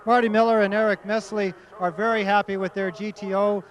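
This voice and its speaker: A man reports from victory lane with a high, eager voice. He leads the drivers with enthusiastic questions. He is outdoors at a racetrack. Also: little pitch movement, a little fast, dull audio. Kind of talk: post-race interview.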